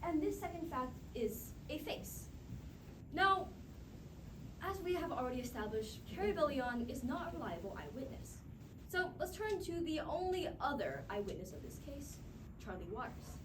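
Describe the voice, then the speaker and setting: A woman acting as defense counsel delivers a passionate, emphatic courtroom closing argument, with rhetorical questions and dramatic pauses. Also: sits high, sing-song. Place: echoey indoor room, recorded from a distance. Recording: distant mic, echoey room, clear background noise.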